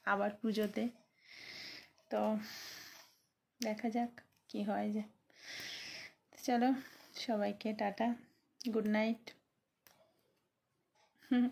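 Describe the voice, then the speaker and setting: A tired woman in her thirties with a Bengali accent, chatting quietly in a late-night vlog from her bedroom, keeping her voice low so she won't wake her family. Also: creaky, a little hiss or hum. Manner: speaking softly and quietly so as not to wake the household. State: sleepy and tired. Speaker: vlogger.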